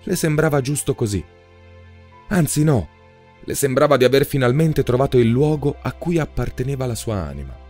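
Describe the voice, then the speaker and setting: A man narrating a short story in a scripted, expressive storytelling manner. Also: medium pitch, moderate pace. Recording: soft background music.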